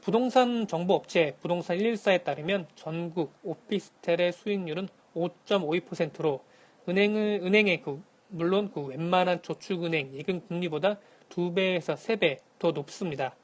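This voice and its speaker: A man calling in to a radio show as a correspondent, giving a formal, scripted economic briefing in a measured manner. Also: sits high. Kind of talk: scripted news briefing, answering by phone. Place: phone link to a radio programme.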